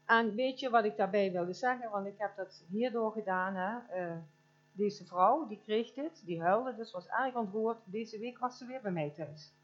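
Animated woman preaching, lo-fi sound. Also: medium pitch, moderate pace. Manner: animated storytelling, rising emphatic exclamations, many fillers. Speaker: speaker at a church gathering. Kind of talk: informal sermon. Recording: dull lo-fi recording.

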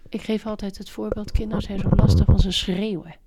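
A woman's voice: medium pitch, brisk, very noisy. A middle-aged woman as an interview guest, talking emphatically about raising children and repeating her key points. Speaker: interview guest, parenting expert. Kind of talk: conversational interview.

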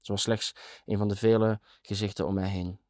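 A man's voice: lowish voice, little pitch movement, fairly quick, darkish tone, no room sound, studio quality. A middle-aged man narrating a first-person novel in a dramatic, sardonic tone.

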